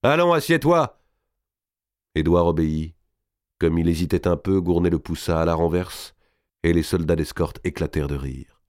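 A man reading a historical novel aloud in a measured, even storytelling manner. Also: low voice, no echo, studio quality. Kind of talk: audiobook narration.

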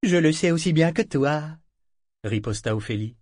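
A man voicing a teasing, motherly female living ship in an audiobook, speaking in a low, knowing tone. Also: expressive, normal speed, a little mellow, no echo, studio quality, lightly acted.

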